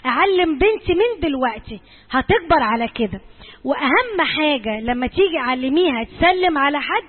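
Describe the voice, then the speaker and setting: A woman's voice: high-pitched, lively intonation, brisk, long reverb tail, narrow, tinny audio. An Egyptian woman giving an earnest church talk to mothers, speaking directly and repeating points for emphasis. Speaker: church servant advising mothers.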